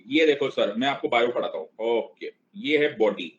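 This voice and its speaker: Playful teacher, slightly lo-fi sound. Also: male voice, medium pitch, expressive, normal speed. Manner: playful, mixes Hindi and English, keeps checking understanding. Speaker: online civics teacher. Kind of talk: live class lecture.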